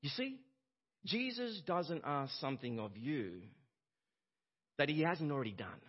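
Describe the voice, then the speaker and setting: A pastor preaching a sermon, stressing key lines with rhetorical questions and repeating them for emphasis. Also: male voice, on the high side, animated, measured pace. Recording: muffled lo-fi church sermon audio.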